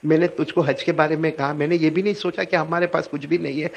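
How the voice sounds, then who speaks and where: A man's voice: fairly high pitch, fairly even intonation, vocal fry. A man doing a pleading, tearful young boy. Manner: soft, pleading. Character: ten-year-old boy pleading tearfully with his mother.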